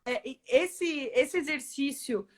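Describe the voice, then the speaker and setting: Woman executive, interview guest; lively storyteller, slightly high voice. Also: takes it slowly, crowd noise. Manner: lively storytelling with frequent tag questions. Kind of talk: casual live interview chat.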